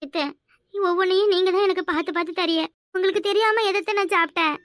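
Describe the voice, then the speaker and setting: A woman's voice: very high voice, steady tone, quick pace, fairly bright tone, no room sound. A woman voicing a scheming young wife in a village cartoon, with a whiny, self-pitying way of talking. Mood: sobbing. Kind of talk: Tamil village cartoon voice acting.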